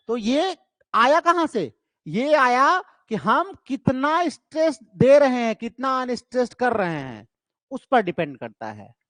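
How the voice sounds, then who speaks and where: A man with an Indian accent giving an exam-prep literature lecture. He explains step by step, asks and answers his own questions, and slows down to read out English terms. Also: extremely high pitch, no echo.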